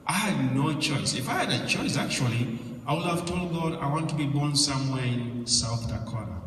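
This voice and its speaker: A man's voice: mid-range voice, animated, normal speed, very noisy. A man from Kenya giving an earnest personal story talk at a conference, with joking asides. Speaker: conference speaker. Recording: echoey hall from far off.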